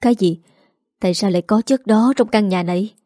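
An old woman of about seventy, by turns weeping and scolding, as a woman narrator puts her on. The voice is mellow and warm, recorded close and dry like a storybook reading. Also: mid-range voice, brisk, dry recording, natural voice. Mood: harsh. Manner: tearful then sharp and scolding.

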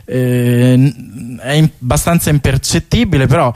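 Recorded dry, this man's voice sits at medium pitch, a little mellow, and moves at a measured pace. As a radio studio guest, the artist talks informally about his bike tour project, giving a lively, conversational explanation in a relaxed interview.

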